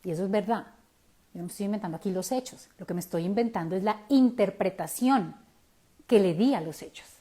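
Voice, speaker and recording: A Colombian woman in her forties, a self-help speaker, telling a personal story in a candid, animated way with slangy asides. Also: on the high side.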